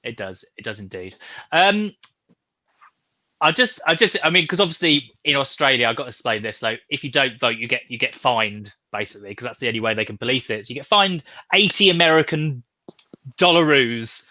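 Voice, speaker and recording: A man's voice: mid-range voice, animated, fairly quick, pushed and bright, no room sound, highs cut off. A man hosting a casual panel discussion, joking and laughing often while putting questions to the panel. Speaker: host.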